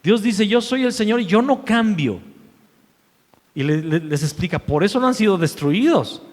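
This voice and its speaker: A man preaching a sermon as pastor, emphatic, repeating key phrases and swinging between loud declarations and hushed asides. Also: sits high, expressive, normal speed. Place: church sanctuary. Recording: long hall reverb.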